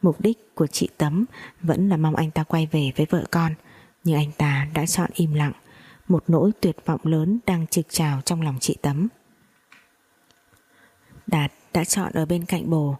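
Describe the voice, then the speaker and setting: A woman narrating a dramatic first-person family story in a steady reading voice with gossipy asides to listeners. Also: low-pitched, a little slow, breathy edge.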